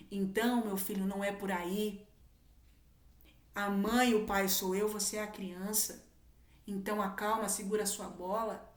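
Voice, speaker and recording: Earnest woman, echoey room. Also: fairly high pitch. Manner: earnest, keeps saying "my son" as if speaking to a child. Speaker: spiritual teacher. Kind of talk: spiritual advice talk.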